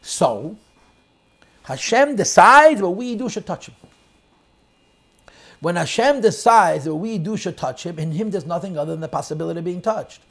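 A man's voice: high voice, lively intonation, normal speed, pauses often. Man teaching a Chassidic text class. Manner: explains in English mixed with Hebrew and Yiddish terms, varying emphasis; quotes and translates lines of text, swings loud and soft. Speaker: Torah teacher.

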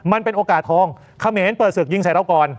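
A male news anchor giving emphatic, animated commentary. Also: high-pitched, quick pace.

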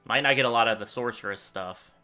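Soft background music plays behind a young man's fast, mid-range voice as he games and rambles through casual commentary for his channel. Thinking out loud from a desk in a small room at home, he swings lively between louder and quieter moments.

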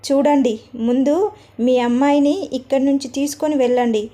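A stern yet caring husband in a storybook tale, voiced by a woman storyteller. He speaks firmly, though the voice stays high and mellow. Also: level tone, normal speed, close to an everyday voice.

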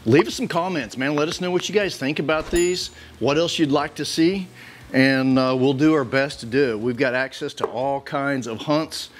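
A man's voice: mid-range voice, moderate pace, a little hiss or hum. A man hosting a casual home cooking video, joking around and chuckling as he cooks. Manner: joking, easygoing, chuckles often. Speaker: cooking show host. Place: home kitchen.

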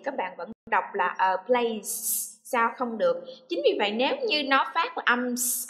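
Female teacher, a bit high-pitched, patient and methodical, models sounds for learners to repeat. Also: fairly bright tone. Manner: patient, checks understanding with repeated questions; drawn-out demonstration sounds, models words slowly. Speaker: English teacher. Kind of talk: classroom lesson explaining pronunciation.

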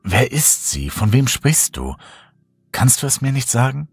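A man's voice: mid-range voice, very animated, a little slow, creaky, breathy edge, faint music behind, pitched above the performer's own voice, full character voice. A man playing the frightened first-person hero of a horror audiobook, asking urgent, breathless questions.

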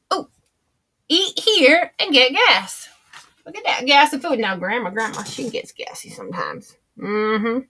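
In an exaggerated, expressive old-grandma voice that's high and bright, a woman slowly drawls her way through a picture book like a homespun Southern granny. She dwells on each word, chatting, gasping and exclaiming theatrically.

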